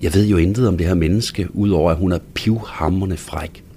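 A man reading a first-person story aloud in a hushed, intimate manner that sometimes drops to a whisper. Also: low voice, slight background noise. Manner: hushed, intimate delivery, dropping to a whisper at times. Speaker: narrator.

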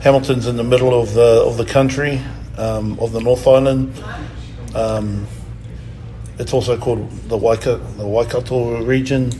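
A man from New Zealand in his fifties with a New Zealand accent, a guest in a casual interview who speaks softly and hesitantly, with many ums. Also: medium pitch, fairly even intonation, normal speed, low-quality recording.

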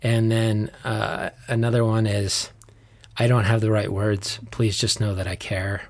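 A man's voice: fairly low pitch, level tone, unhurried. American man hosting a conversational podcast. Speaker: podcast co-host.

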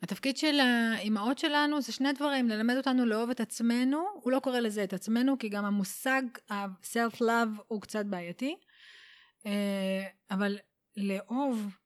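Woman, slightly high voice, unhurried warm explaining, podcast guest, casual conversation. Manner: warm, explanatory, unhurried, mixes in English phrases. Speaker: podcast guest, spiritual teacher.

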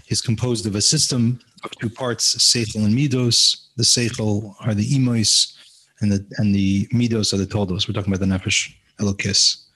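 A man hosting a podcast, talking in a relaxed, conversational way with hesitant fillers, heard on a low-quality recording. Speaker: podcast host. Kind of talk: casual study discussion.

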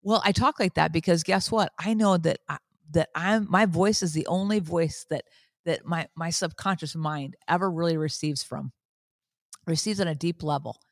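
A woman's voice: normal speed, no echo. Earnest woman in her fifties, dry sound. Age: 50s. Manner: earnest, preachy, repeats phrases, swings up in pitch when emphatic. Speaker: podcast host. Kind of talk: motivational faith talk.

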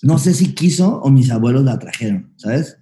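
A young man with a Mexican accent telling his life story as a podcast guest, slangy and lively, acting out old conversations. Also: medium pitch. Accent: Mexican Spanish. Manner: fast, slangy, acts out past dialogue. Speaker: guest, comedian. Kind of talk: candid storytelling interview.

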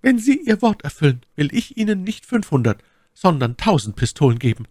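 A cunning, scheming noblewoman who speaks high and urgent, her voice leaping around with intensity, as a male audiobook reader puts her on. The recording is close and dry. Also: sing-song, a little fast, darkish tone, no echo. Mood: bargaining. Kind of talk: audiobook reading.

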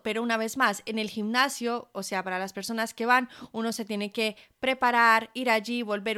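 A young woman hosting her own podcast, talking in a chatty, animated way and laughing between thoughts. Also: a little high. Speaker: podcast host. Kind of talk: casual solo podcast talk.

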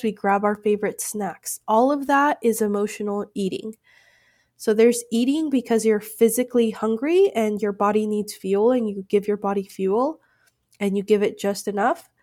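A woman's voice: mid-range voice, darkish tone, dry recording, clean studio sound. A woman speaking in a casual, chatty way straight to her listeners, often saying "like" and explaining directly and reassuringly. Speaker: weight-loss vlogger. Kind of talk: casual solo talk to camera.

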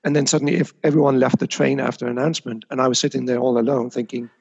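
A man's voice: mid-range voice, little pitch movement, fast, vocal fry, a little mellow, slightly rough, dull audio. A man as an interview guest, talking reflectively about his career with frequent small restarts. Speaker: guest, communications consultant. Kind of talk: casual interview.

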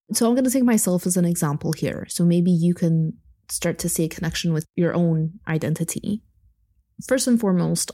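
A young Egyptian woman hosts a solo podcast, speaking in a thoughtful, reflective way sprinkled with small laughs and asides. Her voice sits on the low side with a dark tone.

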